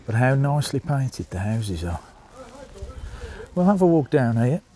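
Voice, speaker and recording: Here the Birmingham-accented vlogger's medium-pitched voice swings widely in pitch, sounding dark and a little slow. He narrates his outdoor tour of a small seaside town on a handheld phone, chatting to folks watching, and the recording is rough.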